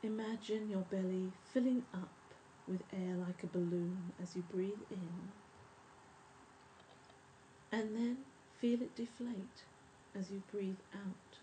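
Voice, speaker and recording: A woman leading a guided breathing meditation in a soft, soothing, measured spa voice that often trails toward a whisper. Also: medium pitch, fairly even intonation, poor audio. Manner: measured, instructive. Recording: faint background noise and ambience.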